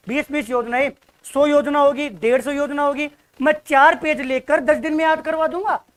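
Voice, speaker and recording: Young man, high voice, exam-prep teacher, direct and exhorting, repeats himself. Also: a bit bright. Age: young adult. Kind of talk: informal classroom lecture.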